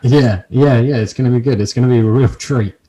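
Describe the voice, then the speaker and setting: A man's voice: medium pitch, fairly quick, mellow, rough recording. A man chatting casually as a podcast host, with dry, self-deprecating, sweary humour. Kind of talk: casual comic chat.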